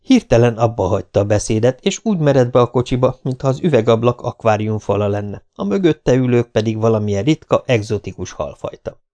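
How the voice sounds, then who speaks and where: A man reading a novel aloud as an audiobook narrator, in a steady storytelling manner. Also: medium pitch, hardly any pauses.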